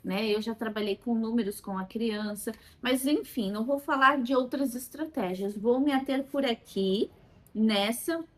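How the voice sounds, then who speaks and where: Speaking at a measured pace in a slightly high voice, a Brazilian woman demonstrates a children's learning game on a phone recording. She's a lively child development educator who occasionally models questions the way she'd ask a child.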